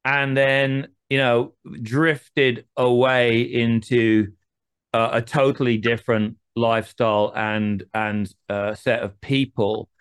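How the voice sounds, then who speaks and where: A man's voice: medium pitch, little pitch movement, takes it slowly, smooth. Male host asking long winding questions. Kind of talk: conversational interview.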